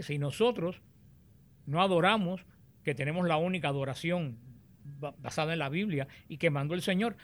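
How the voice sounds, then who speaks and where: A man teaching on the Bible, explaining and reading scripture aloud in a deliberate, explanatory way. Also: fairly high pitch.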